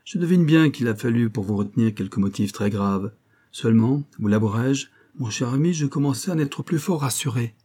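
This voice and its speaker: A man reading an audiobook, voicing a cordial, worried gentleman who speaks heartily and gravely. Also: medium pitch, lively intonation, normal speed, close to an everyday voice. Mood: hearty.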